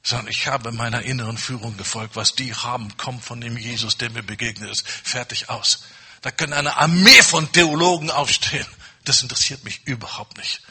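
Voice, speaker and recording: A man preaching a personal testimony, telling his story dramatically and acting out the dialogue, with sudden swings from loud to hushed. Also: medium pitch, fairly even intonation, fairly quick, husky. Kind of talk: testimony sermon.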